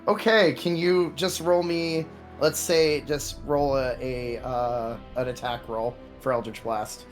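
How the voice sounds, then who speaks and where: Halting male game master over music. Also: mid-range voice, steady tone. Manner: halting, repeats words. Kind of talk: improvised tabletop game narration. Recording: background music under voice.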